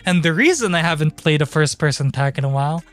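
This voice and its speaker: A man's voice: fairly high pitch, animated, quick pace. A man chatting casually on a livestream in an informal, sweary, rambling way. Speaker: streamer. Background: background music.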